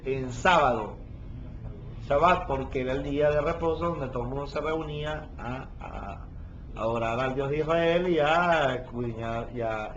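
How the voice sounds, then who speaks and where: A man's voice: medium pitch, a little hiss or hum. A male pastor teaching a Bible study verse by verse, stopping often to check that his listeners follow. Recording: dull lo-fi recording with faint ambience.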